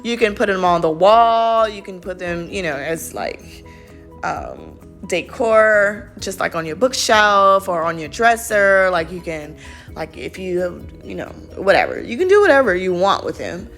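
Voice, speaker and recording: A woman's voice: lowish voice, sing-song, a little slow, a bit bright. Chatty woman. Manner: chatty and rambling, lots of fillers. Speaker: craft vlogger. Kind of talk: casual voice-over narration. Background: faint background music.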